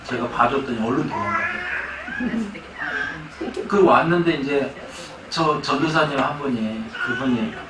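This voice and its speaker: A male pastor giving a sermon, telling personal stories in an animated way and often laughing. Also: medium pitch, measured pace, pauses often, noisy background. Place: church sanctuary. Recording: echoey church hall from far off.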